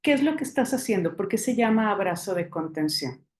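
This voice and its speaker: A woman's voice: medium pitch, lively intonation, fairly quick, reverberant. A woman, a parenting expert explaining a technique and checking in with her listeners as she goes. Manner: warm, coaching, checks in with "¿sí?" and "ujú". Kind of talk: explaining technique to a live audience.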